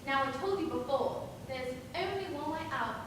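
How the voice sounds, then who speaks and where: A woman playing a sharp-tongued, ruthless schemer in an amateur stage play, heard from far off in an echoey hall. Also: sits high, a little hiss or hum, natural voice. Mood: scheming. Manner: brisk, bossy and plotting. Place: theatre stage.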